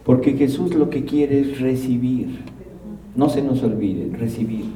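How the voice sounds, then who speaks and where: Dark-voiced preacher joking with his congregation. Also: mid-range voice, unhurried, slight background noise. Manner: humorous, conversational, asks the audience questions. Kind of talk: sermon with audience interaction. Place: large room with live audience. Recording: roomy hall, mic at a distance.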